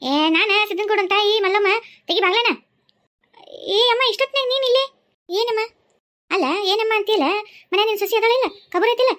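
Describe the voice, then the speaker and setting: A high-voiced, rapid-talking village matriarch scolds her neighbors in a North Karnataka Kannada accent, as a woman acts her out. She is a loud, stern cartoon elder. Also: fairly even intonation. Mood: scolding. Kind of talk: cartoon voice acting.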